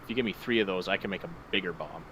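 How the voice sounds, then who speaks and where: A man's voice: sits low, racing, bright, forceful tone, slight background noise, poor audio. A man playing a tabletop game, talking through plans in a methodical way. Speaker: player.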